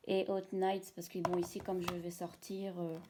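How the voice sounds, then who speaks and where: Casual home vlogger, female, slightly low-pitched, hesitant and talkative, light noise behind. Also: flat delivery, normal speed. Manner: chatty, rambling, many hesitations. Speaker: vlogger showing shopping finds. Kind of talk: casual product show-and-tell. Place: at home, indoors.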